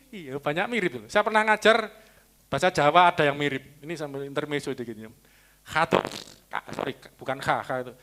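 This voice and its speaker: A man's voice: fairly high pitch, pushed and bright. A man preaching a Sunday sermon, teaching and explaining original-language words with chatty asides. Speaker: pastor.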